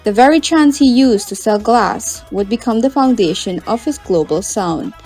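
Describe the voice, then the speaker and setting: A woman reads a scripted news profile with a polished, sweeping flair, her voice pitched somewhat high. Soft music plays quietly beneath her words. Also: animated, moderate pace. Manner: dramatic, polished delivery. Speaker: news feature reporter. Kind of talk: scripted news feature narration.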